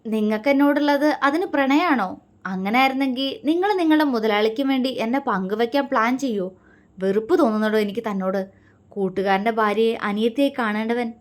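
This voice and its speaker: A woman's voice: a little high, brisk, lightly acted. A woman voicing a hurt young woman who answers with scorn. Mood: bitter. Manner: bitter and scornful. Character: hurt young woman, defiant through tears.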